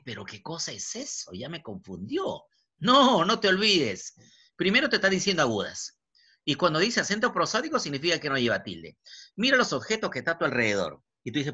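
Husky, lively-voiced man teaching grammar. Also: mid-range voice. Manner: patient, repeats and stresses syllables, asks "¿correcto?". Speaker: primary school teacher. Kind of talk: remote grammar lesson for children.

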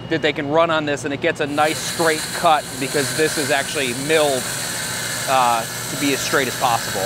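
A man's voice: a little high, noisy background. A young man casually showing off a construction job site in a big empty warehouse, explaining work plans in a loose, sometimes profane way. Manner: casual and profane, explains while walking around. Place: large empty warehouse building under construction.

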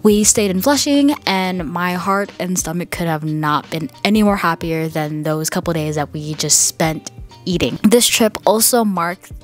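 A woman's voice: lowish voice, unhurried. A woman in her twenties narrating a casual vlog in a chatty, upbeat way, with fillers and repeated words. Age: 20s. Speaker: vlogger. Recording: faint background music.

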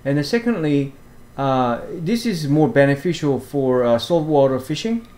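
A man walking through fishing apps over a screen recording, talking haltingly with many fillers and restarts. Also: fairly high pitch, animated, a little mellow. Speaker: fishing vlogger. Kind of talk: screen-share app walkthrough.

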